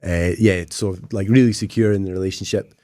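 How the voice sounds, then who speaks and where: A man's voice: deep voice, steady tone, a little fast, dark tone, dry recording, studio quality. A Scottish man in his thirties, a podcast guest talking casually and self-deprecatingly with lots of fillers. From Scotland.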